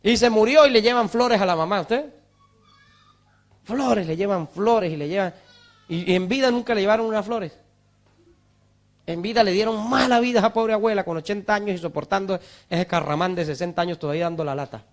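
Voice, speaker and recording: A male pastor preaching a fervent sermon in church, rising to shouts on scripture and mocking wailing sinners. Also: high voice, fairly quick.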